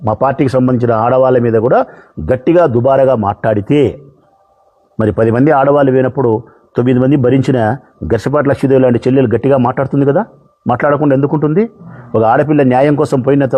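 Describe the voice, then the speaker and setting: Impassioned politician with a mellow voice. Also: male voice, medium pitch, fairly even intonation, fast. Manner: impassioned and repetitive. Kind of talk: public speech to press.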